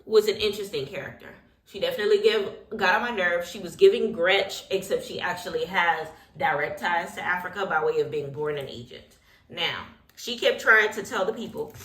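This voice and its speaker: A sassy woman gives her opinions in a loose, chatty get-ready-with-me recap, dropping slangy asides as she goes. Her voice sits on the low side for a woman. The room around her is bare and echoey. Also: bright, forceful tone. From Haitian heritage. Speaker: reality TV recap host.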